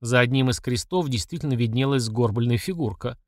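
A man narrating an audiobook with expressive storytelling. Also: medium pitch, brisk, dry recording, clean studio sound. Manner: expressive storyteller, voices each character. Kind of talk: scripted narration.

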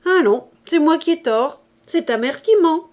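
A woman voicing a domineering, quick-tempered mother in a French audiobook, with indignant, shrill outbursts. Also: sing-song, a little mellow. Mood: scolding. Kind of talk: audiobook reading.

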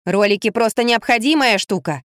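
A woman's voice: on the high side, dry recording, clean studio sound, lightly acted. A woman reading an audiobook, voicing a brash young boy who speaks bluntly and emphatically. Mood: eager. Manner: blunt, indignant, slow and emphatic.

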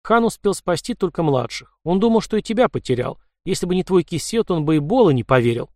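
Man voicing a young Cossack, blunt, gruff, plain-spoken, slightly high voice, dry audiobook sound. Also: very animated, fast, mellow, dry recording. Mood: sober.

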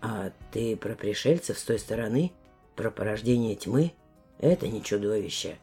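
A woman voicing a weary, fatherly male border guardian who explains things slowly and gently, in a deep, quiet voice. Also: expressive, slightly rough, soft background music, full character voice. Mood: gentle. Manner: slow, measured explaining.

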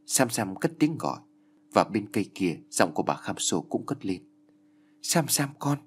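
A man's voice: low voice, moderate pace, slight background noise. A man narrating a ghost story expressively as an audiobook reader. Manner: expressive, dramatic.

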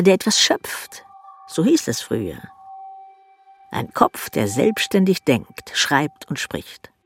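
A slow, husky AI voice assistant in a radio drama. It muses like a weary old soul, cryptic and theatrical, swooping up and down. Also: female voice, a bass voice, full character voice. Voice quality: husky, gravelly.

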